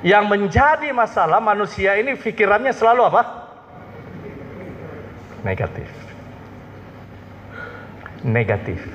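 A man with a Manado Malay accent delivers a joking, animated sermon, tossing questions to the congregation and answering them himself. His voice sits a little high and leaps around in pitch. The sound is dull and lo-fi, with a long hall reverb and a faint hiss behind it. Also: unhurried, long pauses. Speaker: pastor. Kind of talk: humorous sermon with call-and-response. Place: church hall.

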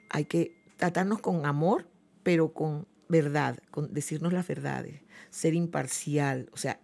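A woman's voice: sits low, a little mellow. A woman psychologist giving advice on a radio show, reflective, often repeating words as she searches for them.

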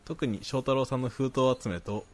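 A man with a Nagoya accent, a podcast co-host reading listener mail aloud in a calm, even voice and chatting casually. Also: medium pitch, normal speed. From Nagoya, Japan.

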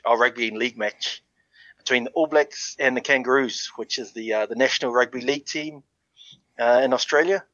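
A man hosting a casual rugby podcast in a matey, relaxed way. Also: medium pitch, no room sound. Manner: relaxed, matey, calls guests brother. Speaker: podcast host. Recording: dull lo-fi audio.

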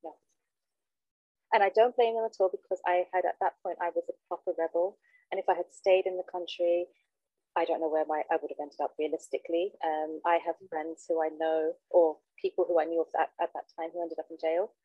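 Nervous woman, lowish voice, dull audio. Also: little pitch movement, a little fast, dry recording. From London, England. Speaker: podcast guest, trainee counsellor. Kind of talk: casual personal storytelling in interview. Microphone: handheld mic on remote call.

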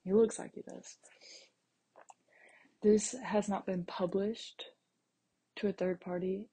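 A woman's voice: mid-range voice, level tone, slow, warm tone, slightly rough. A young woman hosting her first solo podcast, talking casually and rambling, with self-deprecating asides to her listeners. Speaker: podcast host.

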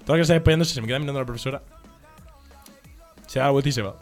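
A man's voice: medium pitch, rapid-fire, soft background music. A young man with a Spanish accent from Spain, telling school stories in a casual chat and laughing through them.

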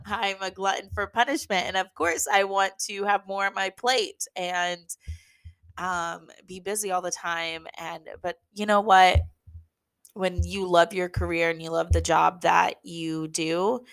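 A woman's voice: lowish voice, fairly bright tone. A young woman hosting a podcast, chatting casually and with self-deprecating humor about running a business, with frequent fillers and restarts. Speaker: podcast host, venue owner. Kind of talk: casual solo podcast talk.

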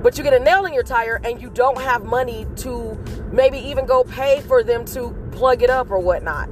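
A woman giving an earnest, casual motivational talk to her viewers, telling a story with animated acted outbursts. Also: fairly high pitch, moderate pace, soft background music. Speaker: motivational vlogger.

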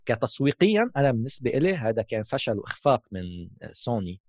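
Man, Levantine Arabic accent, casual explainer, English tech words mixed in, expressive pitch, dry close sound. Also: quick pace, no echo. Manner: mixes English terms into Arabic. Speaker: host of a gaming discussion.

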